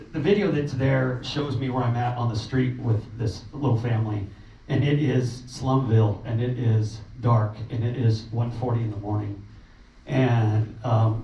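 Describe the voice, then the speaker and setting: A man recounting his relief trip at a meeting, emotional and halting, with many restarts. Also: mid-range voice, mellow. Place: meeting room. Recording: roomy, distant, muffled, faint noise.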